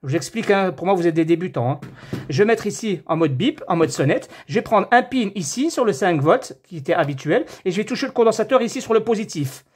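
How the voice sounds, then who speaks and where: Fast, animated and husky, a high-pitched male voice walks viewers through fixing a TV. The technician treats his audience as friends, talking casually and musing aloud as he measures.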